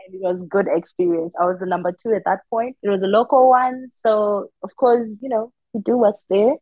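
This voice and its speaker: A young woman from Zimbabwe, a humanitarian worker, telling her story as an interview guest in animated, casual conversation. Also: medium pitch, a little fast, dry recording, phone-quality sound. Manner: animated storytelling with frequent laughs and quoted asides.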